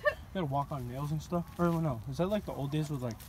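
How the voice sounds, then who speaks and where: A young person chatting casually while exploring a beach outdoors, excitable and slipping into a country drawl. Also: mid-range voice, fast, slight background noise. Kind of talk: casual vlog chat.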